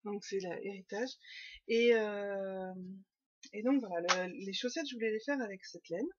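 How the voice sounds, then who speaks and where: A woman's voice: medium pitch, measured pace, slightly rough, dry recording, dull audio. A woman hosting a knitting podcast, chatting casually to her webcam at home, rambling with lots of fillers and restarts. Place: home room.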